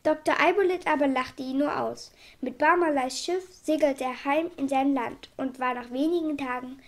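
A woman reading a children's storybook aloud in a lively, expressive way. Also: high-pitched, moderate pace. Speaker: audiobook reader.

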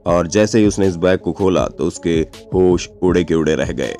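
Over background music, a man with a deep, slightly mellow voice reads scripted narration for an online video at normal speed. He speaks directly to the listener and poses rhetorical questions as he goes.

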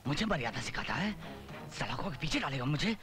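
A man's voice: on the high side, sing-song, a little fast, music in the background. An actor dubbing an arrogant rich man who bribes and threatens a police officer, in a blustering, threatening manner. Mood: menacing. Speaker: villain in a dubbed film. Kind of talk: Hindi film dubbing.

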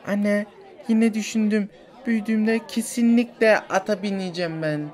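A man's voice: high-pitched, steady tone, normal speed, a little mellow, some chatter behind, natural voice. A man voicing an eager little girl who keeps pleading with her mother in a toy-figure play story. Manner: eager, wheedling, childlike.

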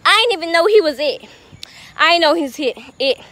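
A young woman chatting casually to her camera outdoors on a hot day, animated and slangy, raising her voice over others. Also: very high-pitched, fairly quick, slight background noise. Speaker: vlogger. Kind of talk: casual vlog chat. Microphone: handheld camera.

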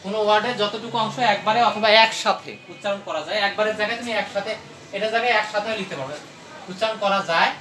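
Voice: medium pitch, a bit bright, reverberant, a little hiss or hum. A teacher explaining a grammar lesson in a classroom while writing on the board, often asking a question and answering it. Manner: explains slowly, asks and answers its own questions. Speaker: English teacher.

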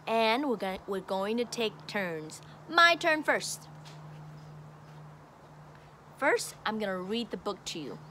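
A woman teacher in her forties, medium-pitched, animated and sharp in tone, slowly reads a picture book aloud to a child with simple, encouraging talk. A little hiss or hum is present. She's on an outdoor patio by a brick wall, recorded by a phone camera at arm's length.

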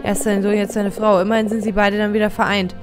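A drunk, grieving male rodent from a video game, gruff and dismissive, as a woman reads him out. The voice sits in a middle pitch for a woman. Game music plays clearly behind. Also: level tone, fast, lightly acted. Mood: bitter.

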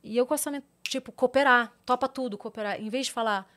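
A middle-aged Brazilian woman with a Brazilian Portuguese accent, a podcast guest telling a story in lively fashion and quoting others in changing voices. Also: fairly high pitch, fast talker. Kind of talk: casual podcast interview.

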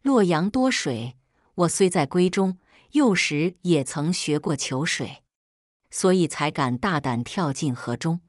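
A woman reading a first-person story as narrator, in a measured, even storytelling manner. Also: sits low, dry recording, clean studio sound.

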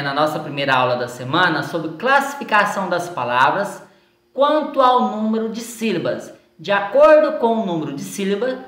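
A woman teacher with a Brazilian Portuguese accent going over exercises in a recorded lesson, slow and patient, stretching words out syllable by syllable. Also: lowish voice, fairly bright tone. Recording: echoey room sound.

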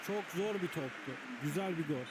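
A man's voice: fairly high pitch, normal speed. A man working as a football game co-commentator, giving short reactions to the play. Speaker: co-commentator, pundit. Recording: loud background noise.

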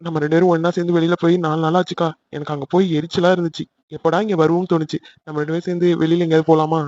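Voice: medium pitch, flat delivery, very fast, a little mellow, no echo, lo-fi sound, natural voice. A performer voicing a whiny, pleading young man who is the younger brother in a family cartoon. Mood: teasing. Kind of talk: cartoon voice acting.

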